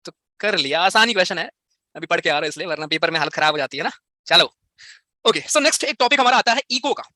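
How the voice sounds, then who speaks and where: A man's voice: high-pitched, lively intonation, quick pace, sharp tone, no room sound, clean studio sound. A young man teaching physics in a live online class, playful and teasing as he banters with his students.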